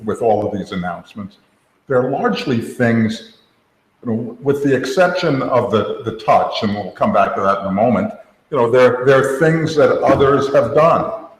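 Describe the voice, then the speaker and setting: A man co-hosting a casual tech podcast, rambling with many restarts and "you know" fillers. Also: medium pitch. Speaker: co-host. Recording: echoey room with long reverb.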